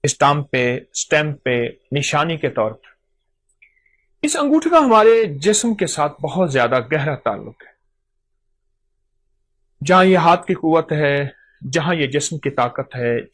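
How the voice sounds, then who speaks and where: Animated man teaching remedies. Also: a little high. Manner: emphatic, repeats phrases for stress. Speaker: host. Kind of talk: didactic talk on folk remedies.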